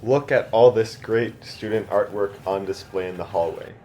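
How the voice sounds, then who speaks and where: A man's voice: fairly low pitch, normal speed, mellow. A young adult man narrating a guided campus tour as a student guide. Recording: clear background noise.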